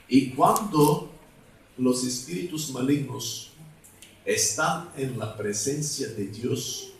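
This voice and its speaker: A man preaching a deliverance sermon as an evangelist, speaking in a slow, halting way and sometimes asking the congregation for a word. His is not the one he preaches in. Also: medium pitch, creaky, a little hiss or hum. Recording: echoey hall, mic at a distance.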